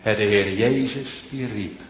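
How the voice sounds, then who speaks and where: A man preaching a sermon, swinging between loud, pleading appeals and hushed, almost whispered lines. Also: fairly low pitch, a little slow, a little hiss or hum. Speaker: pastor. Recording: echoey church hall, long reverb.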